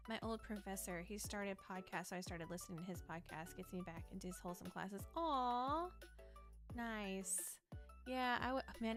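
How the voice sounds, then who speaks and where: A young woman chatting casually while playing a game on stream, rambling and laughing often with many restarts. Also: mid-range voice. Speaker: VTuber streamer. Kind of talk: casual livestream chat while gaming. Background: faint game music.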